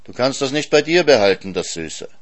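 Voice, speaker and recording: A man's voice: mid-range voice, very animated, a little fast, dry recording, pitched above the performer's own voice, natural voice. A man reading a story voices a sly hare who teases and tricks a hyena. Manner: teasing, smug, sly.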